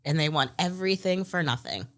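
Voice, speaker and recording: Blunt, low-voiced woman restaurant manager. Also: animated, brisk, a bit bright. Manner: blunt and direct. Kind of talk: casual talk show chat.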